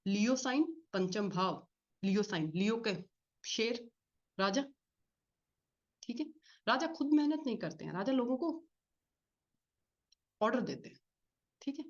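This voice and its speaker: A woman teaching an astrology class in a fast, explanatory lecture style, often asking and answering her own questions. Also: a little high, lively intonation. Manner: fast-talking, explains with repeated rhetorical questions. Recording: slightly dull lo-fi audio.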